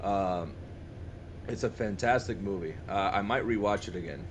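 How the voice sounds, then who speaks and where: Amid a noisy background, a young podcast co-host with a fairly low voice chats casually and enthusiastically with friends at a moderate pace. His thoughts often get restarted and repeated partway through.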